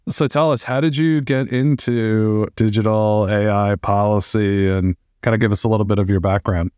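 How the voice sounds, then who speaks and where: A male podcast host with a low voice introduces and questions his guest in a relaxed, friendly way, with the odd joke. The sound is dry and close. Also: normal speed, clear, resonant tone, no echo. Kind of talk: interview podcast.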